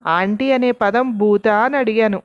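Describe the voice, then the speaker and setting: A woman's voice: medium pitch, moderate pace, smooth, no echo, highs cut off, close to an everyday voice. A woman narrator voicing a proud young man who argues while holding his temper. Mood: restrained irritation. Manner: restrained, arguing.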